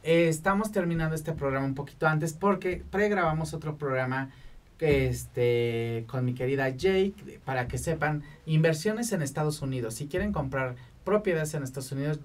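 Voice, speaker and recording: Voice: mid-range voice, normal speed. A talk show host, hosting in a casual, effusive and informal way.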